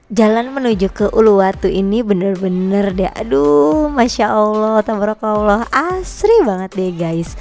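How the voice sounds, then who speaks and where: A woman's voice: medium pitch, darkish tone. A woman from Indonesia narrating a travel vlog as a voice-over, chatting to her viewers in a friendly way and often calling them guys. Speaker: travel vlogger.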